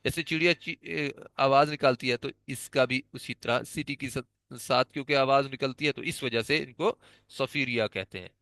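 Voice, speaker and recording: A man's voice: medium pitch, fairly even intonation, fairly bright tone, no echo. A man teaching Quran recitation, patiently explaining and repeatedly demonstrating how to pronounce letter sounds. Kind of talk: pronunciation lesson.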